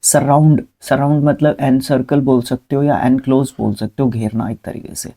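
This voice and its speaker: A man's voice: mid-range voice, level tone, normal speed, dark tone. A man teaching English vocabulary in a casual spoken lesson, talking students through spellings, repeating words and correcting himself mid-word.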